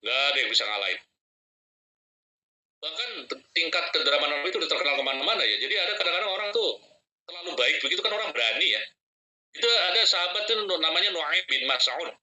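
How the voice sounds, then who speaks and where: Bright-voiced man preaching. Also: on the high side, low-quality recording. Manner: lively storyteller acting out voices, jokes with audience. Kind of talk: casual sermon storytelling.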